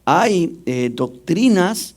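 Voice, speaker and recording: Higher-voiced man preaching. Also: big pitch swings, drawn-out words, darkish tone. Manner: questions the congregation directly. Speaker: pastor. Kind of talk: sermon.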